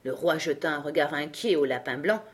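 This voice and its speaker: Low, husky woman narrating a storybook. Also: expressive, fairly quick. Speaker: audiobook narrator. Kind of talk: scripted narration.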